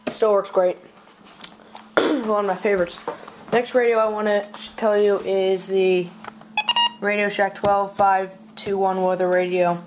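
With a mid-range voice and level tone, a video host casually presents a collection on a handheld camera while seated at a desk at home. Speech is halting, broken by frequent coughs and throat-clearing, and the built-in mic yields noisy home audio with clicks.

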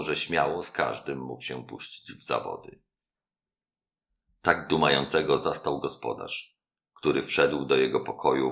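Very deep, gravelly male storyteller. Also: a bit bright. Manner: measured, dramatic storytelling. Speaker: audiobook narrator. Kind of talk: literary audiobook reading.

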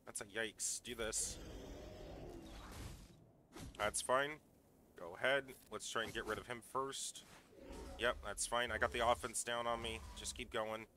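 A man's voice: medium pitch, steady tone, unhurried, pauses often, sharp tone, slight background noise. A young man giving casual gameplay commentary, cheering on his character like a pet. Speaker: gaming channel host.

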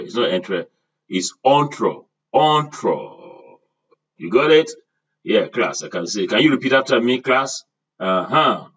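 A man's voice: mid-range voice, fairly bright tone, slightly rough, recorded from a distance, highs cut off. An older man giving a screen-share lesson, talking straight to his class and asking them to repeat after him. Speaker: online course instructor.

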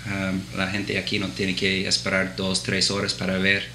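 A man in his thirties, a physician assistant whose first language is English, answers interview questions in Spanish in a clinic office. His Spanish carries an American accent and was learned in the Dominican Republic. His low voice is completely flat, bright and forceful at a moderate pace, and he hesitates with many fillers and restarts in a roomy space with slight background noise.

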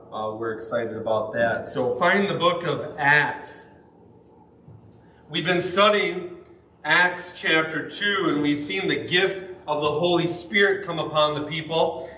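A male pastor delivers a sermon in a relaxed, conversational way, posing rhetorical questions and pressing on the words that matter. His voice is bright and carrying. The recording is roomy and reverberant, with the speaker a little distant and a faint hiss underneath. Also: medium pitch. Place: church sanctuary. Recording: echoey room, speaker off the mic.

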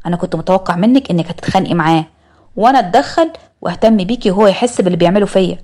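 A woman's voice: medium pitch, expressive, rapid-fire, warm tone, close to an everyday voice. A woman with an Egyptian accent voicing a proud, jealous middle-aged father who teases and scolds. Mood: teasing, scolding. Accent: Egyptian Arabic.

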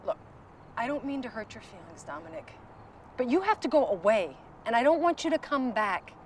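A woman's voice: fairly high pitch, big pitch swings, brisk. An actress playing a tired, firm woman turning away an admirer in a TV drama. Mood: firm, apologetic. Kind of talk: TV drama acting. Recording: slightly distant, faint outdoor street noise.

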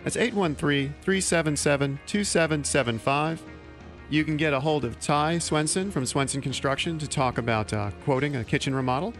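A man in his thirties hosting a local radio talk show in a small studio, speaking into a studio mic with quick, joking delivery. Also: fairly high pitch, faint music behind. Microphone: studio mic on boom arm.

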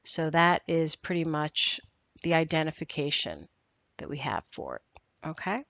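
Woman, lowish voice, patient step-by-step tutorial narrator, close dry lo-fi voice-over. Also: unhurried, no echo. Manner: steady, instructional, walks through steps. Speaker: software trainer. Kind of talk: screen-recorded software tutorial.

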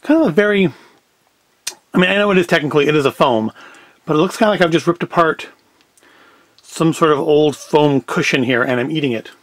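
Reviewing food to camera, a man in his forties talks briskly in a fairly high voice, pausing often. His casual chat is wry, self-deprecating and rambling, and the recording has no room sound.

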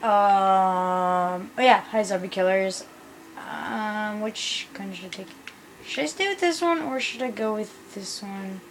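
A young woman casually commentating a video game, hyper and laughing often, squealing into high pitches. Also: takes it slowly, rough recording. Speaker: gameplay commentator. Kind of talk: casual let's-play commentary. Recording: background noise.

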